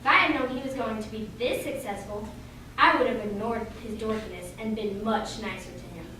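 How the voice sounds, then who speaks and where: In an amateur radio play, a woman acts as a brash, gushing young party guest, her high voice fairly quick and sharp in tone. The recording is noisy, made in a very echoey room with a distant mic.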